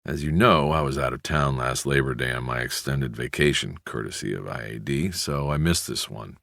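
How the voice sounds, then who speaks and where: Weary male detective, very deep, curt and guarded, voiced by the narrator; dry close sound. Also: moderate pace, creaky, a bit bright, no room sound, exaggerated voice. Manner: low, clipped and guarded.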